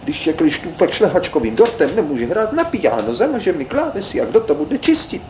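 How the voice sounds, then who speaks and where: A man voicing a fussy aunt in a storybook tale, shouting indignantly. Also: on the high side, very animated, reverberant, slight background noise, voice pushed up, low-quality recording. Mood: shrill. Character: fussy shrill aunt, an older woman.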